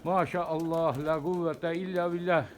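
A man's voice: on the high side, level tone, a little slow, slight background noise. A man vlogging outdoors at his pigeon loft, talking casually to his viewers, chatty and repeating words as he watches his birds fly.

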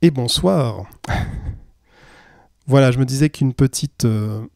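Brief: male streamer, warm mellow voice, measured reading, loose filler-filled chat. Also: medium pitch, gravelly, dry recording, studio quality. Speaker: streamer and reader. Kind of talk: literary reading, then casual stream chat.

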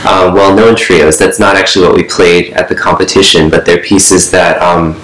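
A young man with a lowish voice reflects thoughtfully on his trio's playing, pausing on "I mean." The room lends a noticeable echo. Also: steady tone, fairly bright tone, a little hiss or hum. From Connecticut, USA. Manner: thoughtful, many "I mean" fillers. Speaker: trio musician being interviewed. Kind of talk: casual interview chat. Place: bright room indoors.

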